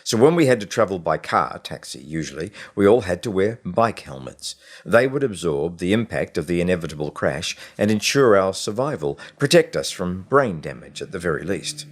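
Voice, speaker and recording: This is scripted audiobook narration of a short story by a low-pitched man. He reads expressively at a measured pace and pauses deliberately.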